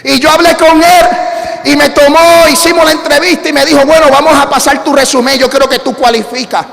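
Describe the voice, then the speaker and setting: A man with a Puerto Rican accent, a pastor telling a personal story in a sermon with lively calls to his congregation. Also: very high voice, brisk, vocal fry. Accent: Puerto Rican Spanish. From Puerto Rico. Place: church sanctuary. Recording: church hall reverb.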